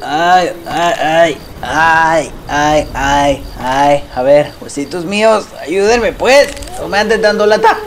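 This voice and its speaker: Hombre haciendo esqueleto padre mexicano quejumbroso. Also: male voice, on the high side, slow, hardly any pauses, noisy background. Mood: groaning. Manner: exasperated, soothing, groaning. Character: fussy skeleton family father, ghost.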